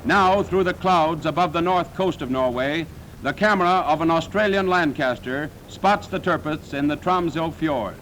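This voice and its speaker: A man's voice: fairly high pitch, moderate pace, fairly bright tone, slight background noise, low-quality recording. A man narrating a 1940s wartime newsreel in a dramatic, solemn, declaiming manner.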